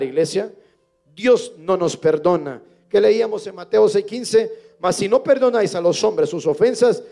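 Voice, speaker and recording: A man's voice: sits high, gravelly, mellow. A male pastor preaching a sermon at a church service, often putting questions to the congregation.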